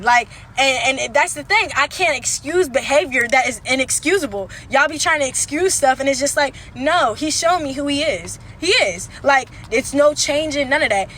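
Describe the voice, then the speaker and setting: On a phone mic with slight background noise, a young adult woman with a high-pitched, sharp voice rants on a livestream from her car. She's blunt and profane and keeps circling back over the same points.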